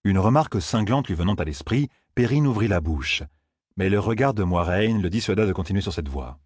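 A man's voice: low-pitched, a little fast, husky, dry recording, studio quality. A man narrating a fantasy audiobook expressively. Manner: expressive, voices each character.

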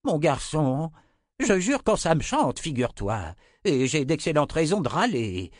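Male narrator doing a blustering old wizard, high and complaining, audiobook. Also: very animated, dry recording, clean studio sound. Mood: cranky, indignant. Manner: cranky, exclaiming, quick to complain.

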